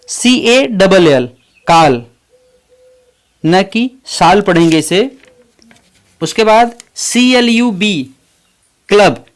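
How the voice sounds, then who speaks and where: A man teaching English pronunciation, spelling out words letter by letter in a slow, deliberate way. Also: high voice. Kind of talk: explaining English pronunciation in Hindi.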